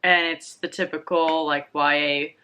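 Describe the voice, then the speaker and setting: Guest co-hosting a book vlog, a young woman talks books in a relaxed, informal way, phrasing things tentatively. She has a deep, smooth voice with a sharp edge, fairly even intonation, and an unhurried pace.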